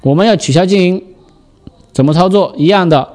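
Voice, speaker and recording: A man giving a step-by-step software tutorial, explaining and patiently repeating the key steps. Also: high voice, a little fast.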